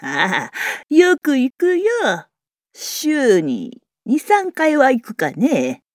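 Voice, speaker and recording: A woman's voice: sits high, wildly swooping pitch, very slow, dry recording, studio quality, exaggerated voice. A woman playing a chatty, secretive old townsperson who talks in a folksy, teasing, wise-elder way. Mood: chatty, fond. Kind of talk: character monologue.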